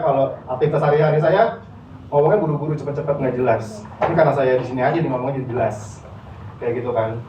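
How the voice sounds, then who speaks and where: A man's voice: medium pitch, a little hiss or hum. A man giving a casual public speaking workshop, talking straight to his students and dropping English terms into his speech. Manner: chatty, addresses audience directly, mixes in English terms. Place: university classroom. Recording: echoey room, distant mic, dull lo-fi sound.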